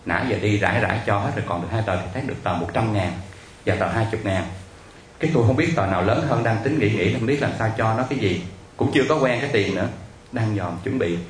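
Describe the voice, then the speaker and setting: A man, a monk telling a story in a lively, emphatic sermon. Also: on the low side, fast, a little hiss or hum. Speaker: Buddhist monk. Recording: echoey hall recording.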